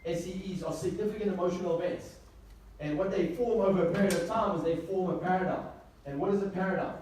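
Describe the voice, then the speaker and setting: A South African motivational speaker with a high-sitting, darkish voice talks fast and steadily to a live audience, emphatically repeating key phrases and asking rhetorical questions. The echoey indoor venue is captured on a distant mic with faint noise.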